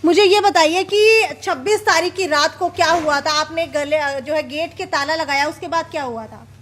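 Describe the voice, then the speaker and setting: A woman's voice: high voice, moderate pace, a bit bright. A woman news reporter narrating an assault story and questioning victims in an urgent, probing manner. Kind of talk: field interview reporting.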